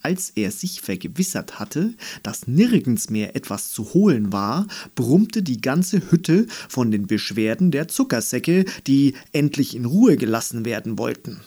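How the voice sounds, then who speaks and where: A man narrating a children's story in German, reading in a slow, expressive manner. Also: slightly rough. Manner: slow, expressive, lively pitch.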